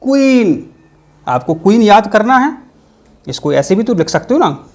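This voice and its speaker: Guy teaching physics for an exam, fairly high voice, keeps repeating little memory tricks. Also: sing-song, a little slow, a little mellow. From India. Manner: playful, repeats cues and mnemonics. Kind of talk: exam-prep physics lesson.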